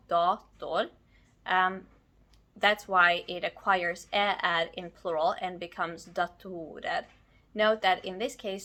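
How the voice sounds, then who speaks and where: A woman giving a scripted language lesson, explaining slowly and carefully while ill and low on energy. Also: bright, forceful tone. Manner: slow, careful explanation with words spelled out. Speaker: language teacher.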